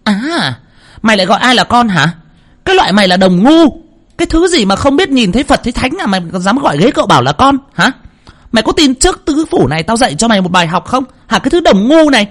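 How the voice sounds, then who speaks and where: A man's voice: very high voice, big pitch swings, fast talker, a bit bright, pitched above the performer's own voice, heavily acted. A man voicing a furious, possessed middle-aged woman shaman who shrieks insults. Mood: shrieking rage.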